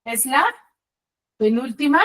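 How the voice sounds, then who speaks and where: A woman's voice: high-pitched, slow. A woman teacher giving an online class over a video call, often checking in with short questions to her pupils.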